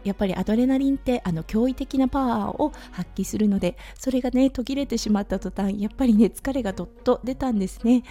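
A woman with a hoarse, slightly raspy voice from overuse, chatting through a casual solo audio diary as a host. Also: a little high, fast talker, few pauses, warm tone. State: hoarse from overuse, sore throat. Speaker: podcast host, anaesthetic nurse. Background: background music.

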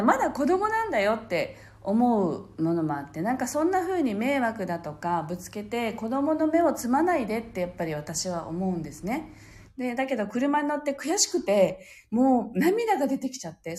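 A woman in her thirties hosting a live stream, telling a personal story in a chatty, emotional way and laughing often. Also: mid-range voice. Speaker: livestream host. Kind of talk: casual live-stream monologue.

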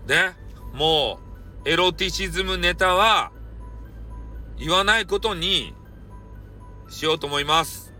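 A man speaking in a Hakata accent, playful and teasing, slipping into mock-formal phrasing. His tone is very bright and sharp, sitting in a middle pitch. Faint music plays behind him. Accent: Hakata dialect. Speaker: podcast host, storyteller. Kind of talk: casual solo podcast talk.

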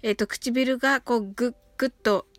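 A woman, a native Japanese speaker, gives a slow and patient pronunciation lesson on English song lyrics. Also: a little high, fairly even intonation, dry recording. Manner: slow, careful, patient explaining. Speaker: singing teacher.

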